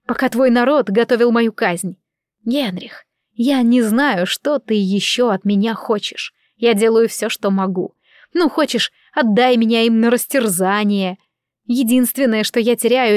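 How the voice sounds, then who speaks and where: A passionate young queen from an audiobook, as a woman reads her lines. She speaks with strong feeling in a somewhat high voice, dry and close to the mic. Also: normal speed, no room sound, lightly acted. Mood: weary. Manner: emotional, impassioned. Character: young queen, proud and quick-tempered.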